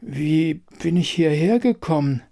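A man voicing a weak older patient in an audiobook, speaking faintly and haltingly. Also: a little high, animated, creaky, mellow, voice pushed up. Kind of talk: audiobook reading.

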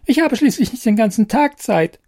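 Squeaky stroppy little fairy lady, way up high, man doing the voice, storybook. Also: expressive, normal speed, darkish tone, heavily acted. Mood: snippy. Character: tiny petulant female fairy, impatient and snippy.

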